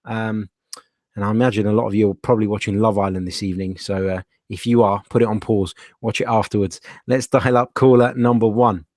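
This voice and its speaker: A man's voice: lowish voice, fairly even intonation, fairly quick, darkish tone, no echo, studio quality. A man with a London accent casually presenting a live football fan phone-in in a blunt, matey way.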